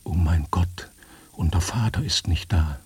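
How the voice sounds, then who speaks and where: A man voicing an old forester's mother, fearful and trembling, speaking slowly and stammering. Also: mid-range voice, fairly even intonation, vocal fry, mellow, breathy edge, no room sound, pitched above the performer's own voice. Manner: slow, stammering, anxious.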